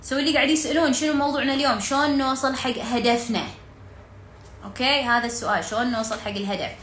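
A woman's voice: high-pitched, steady tone, rapid-fire, a bit bright, reverberant, a little hiss or hum. A woman with a Gulf Arabic accent leading an interactive coaching workshop, firing rhetorical questions at her listeners and dropping English words into her talk.

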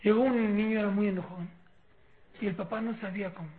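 In a fairly quick, mid-range voice, a teacher with a Mexican accent energetically acts out family situations and asks mocking questions during a religious lecture on parenting. The sound is tinny and phone-like, with some faint background noise.

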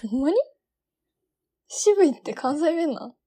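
A woman's voice: sits high, lively intonation, a little slow, dark tone. A young woman with a Kansai accent co-hosting a podcast, chatting casually and laughing often. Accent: Kansai Japanese. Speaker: podcast co-host. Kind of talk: casual chat.

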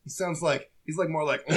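A man's voice: high-pitched, pushed and bright. A man co-hosting a podcast in casual chat, joking around and laughing often. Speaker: podcast co-host.

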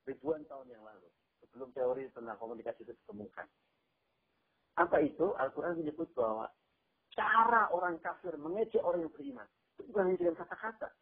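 A man's voice: mid-range voice, slightly rough. A man preaching a Quran exegesis sermon, explaining verses and asking rhetorical questions. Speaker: Islamic preacher. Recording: tinny phone-like radio sound.

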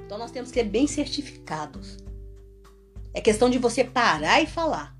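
Animated woman from Minas Gerais. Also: a little high, brisk, music in the background. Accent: Minas Gerais Portuguese. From Minas Gerais, Brazil. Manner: animated, laughs often, mimics prayers. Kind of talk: casual testimony and preaching talk.

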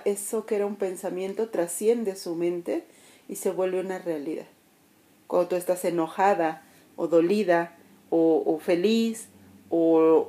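A woman with a warm, mid-range voice gives a spiritual motivational talk, speaking earnestly and directly to the listener. She restarts and repeats words, and she acts out everyday voices in her examples.

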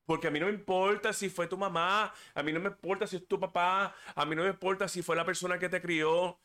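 A man with a high-pitched voice runs a casual solo podcast, speaking a little fast with fairly even intonation and a sharp tone. He is earnest to the point of preachiness, occasionally stumbles over his words, and lapses into English fillers, all recorded on a desk microphone.

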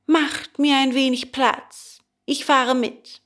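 A woman voicing a high pleading puppet boy. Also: little pitch movement, slow, a bit bright. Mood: eager. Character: wooden puppet boy, pleading, easily swayed.

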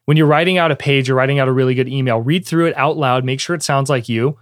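A man's voice: medium pitch, fast talker, no room sound. Casual man teaching in a dry room. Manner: conversational, with frequent fillers and restarts. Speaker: online business teacher.

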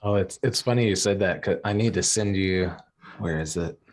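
Deep-voiced laid-back male guest. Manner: laid-back, halting, many fillers. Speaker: podcast guest. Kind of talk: casual live-stream chat.

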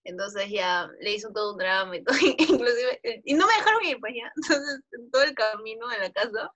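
A young woman telling a story on a podcast, laughing often and animated as she talks. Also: fairly high pitch, brisk. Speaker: podcast co-host. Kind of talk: casual storytelling chat.

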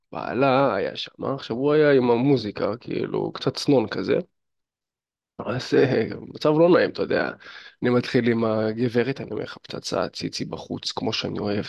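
Gravelly, chatty man giving advice. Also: medium pitch, a little mellow, dry recording, highs cut off. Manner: chatty, addresses listener directly, many fillers. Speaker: fitness and dating coach. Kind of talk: casual advice monologue to camera.

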